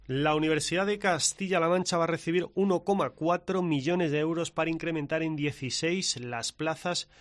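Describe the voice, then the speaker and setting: This is a man presenting regional radio news. His voice sits a little high, and his reading stays steady and formal throughout. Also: a little fast, few pauses, no room sound, clean studio sound. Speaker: news anchor.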